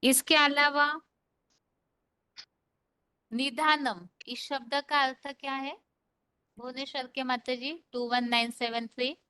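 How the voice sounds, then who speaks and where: A woman teaching an online scripture class, patiently explaining verses and reciting them slowly. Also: sits high, fairly even intonation, sharp tone, smooth, no echo.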